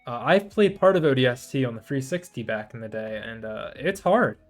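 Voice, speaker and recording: A male VTuber livestreamer rambles and thinks aloud in a relaxed chat. His mid-range voice is brisk and expressive, and guitar music plays in the background.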